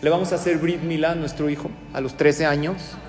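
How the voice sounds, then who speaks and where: A man telling a story as a sermon, acting out the characters' dialogue with lively emphasis. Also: on the high side, fairly quick. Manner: animated storyteller, acts out dialogue. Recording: echoey hall with soft guitar music.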